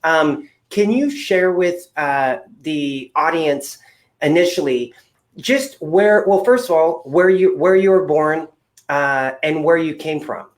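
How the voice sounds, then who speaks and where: A man's voice: a little high, animated, slow. Upbeat man hosting a chatty interview. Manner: upbeat, rambling with many fillers. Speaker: podcast host. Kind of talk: casual interview chat.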